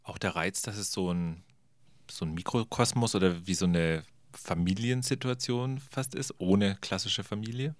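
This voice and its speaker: Radio guy asking an author questions, low voice, dry sound. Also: no echo. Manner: measured, thoughtful questions. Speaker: radio interviewer. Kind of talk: radio interview.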